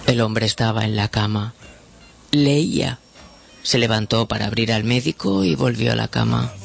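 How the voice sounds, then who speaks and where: A man narrating a story in an expressive reading voice. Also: lowish voice, normal speed, creaky, music in the background. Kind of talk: audiobook narration.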